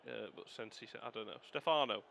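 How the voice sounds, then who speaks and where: A man's voice: fairly low pitch, brisk, creaky, a little hiss or hum. A man casually commenting on his own football video game match, calling the play like a commentator and swearing when things go wrong. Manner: calls the play like a commentator, excitable on goals, swears when frustrated. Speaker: gaming video host.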